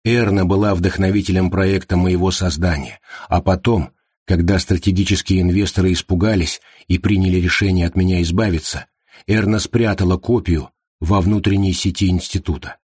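A man voicing a calm artificial intelligence that speaks quietly and matter-of-factly in an audiobook. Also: sits low, moderate pace, husky, dry recording, studio quality.

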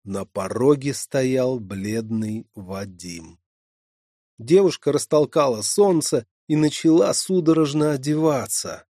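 A man narrating an audiobook in a measured, expressive reading. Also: mid-range voice, no echo, clean studio sound. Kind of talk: scripted narration.

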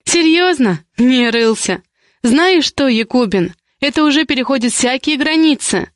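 A woman voicing a feisty young woman who snaps back with sharp, indignant retorts in an audiobook romance. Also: high-pitched, expressive, normal speed, no room sound, clean studio sound, voice pushed up.

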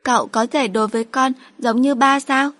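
A woman's voice: high-pitched, steady tone, moderate pace, a bit bright, no room sound, voice pushed up. A woman voicing a small, earnest and tender girl in an audiobook, with a sweet, pleading childlike voice. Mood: tearful. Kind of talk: audiobook character voice.

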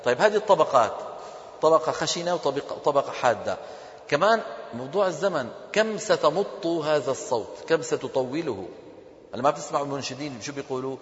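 A man's voice: fairly high pitch, animated, fairly quick. A man giving a classroom lesson, asking his students questions and answering them himself. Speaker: teacher of Quran recitation. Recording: dull echoey hall recording.

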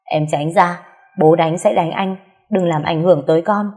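A woman voicing a calm, responsible young man who speaks earnestly and respectfully. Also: lowish voice, moderate pace, natural voice.

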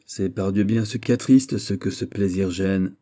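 Brief: man reading as a sulky jealous young prince, whiny and shrill when pushed, storybook, dark husky voice. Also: fairly even intonation, moderate pace. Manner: whining, sulky, rising to shrill outbursts.

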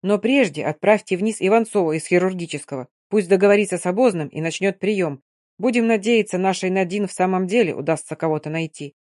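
A woman voicing a thin, stooped army doctor with a hoarse voice who speaks gloomily and curtly. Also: fairly low pitch, fairly quick, darkish tone, dry recording, clean studio sound, natural voice. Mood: commanding. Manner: gloomy, curt.

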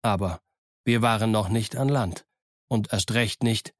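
A man narrating an adventure audiobook in a steady, measured reading. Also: fairly low pitch. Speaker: audiobook reader. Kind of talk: scripted narration.

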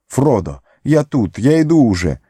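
A man's voice: very animated, normal speed, warm tone, no echo, clean studio sound. A man voicing a loyal, fretful young male hobbit servant in an audiobook, pleading and tearful in a raised voice. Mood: frantic. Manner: high pleading, sobbing, breathless. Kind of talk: audiobook character voice.

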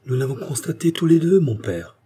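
A man's voice: mid-range voice, very animated, moderate pace, mellow, husky, voice pushed up. A man doing an indignant village man. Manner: indignant, emphatic. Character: agitated man, stubborn village companion.

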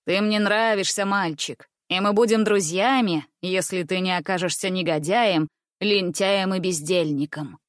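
A woman's voice: on the low side, unhurried, no room sound, clean studio sound, close to an everyday voice. A woman reading aloud, voicing a genial, commanding stout male circus director in a storybook. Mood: amused.

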